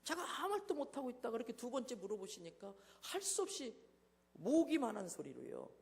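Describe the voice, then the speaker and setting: High-pitched, animated pastor in a reverberant church. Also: male voice, fairly quick, vocal fry. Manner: dramatic, swings from hushed to shouting in acted quotes. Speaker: guest pastor at a revival meeting. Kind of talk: revival sermon with storytelling. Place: church sanctuary. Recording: long church hall reverb.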